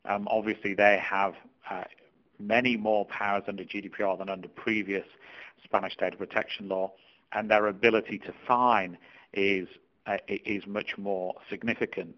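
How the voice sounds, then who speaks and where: A man co-hosting a legal podcast, speaking in a measured way with halting fillers. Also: fairly low pitch, flat delivery. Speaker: podcast co-host. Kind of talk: casual legal podcast chat. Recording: dull lo-fi remote line.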